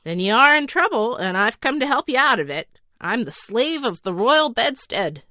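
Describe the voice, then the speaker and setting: Woman playing a brisk little magic servant. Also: fairly high pitch, big pitch swings, pushed and bright, no echo, studio quality, voice pushed up. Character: round little magic slave, calm and brisk.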